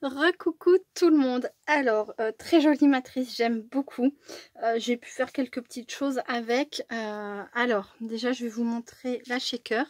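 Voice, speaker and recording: A woman's voice: a little high, measured pace, dry recording. A woman chatting casually as a crafting vlogger while unboxing, with many fillers and small laughs.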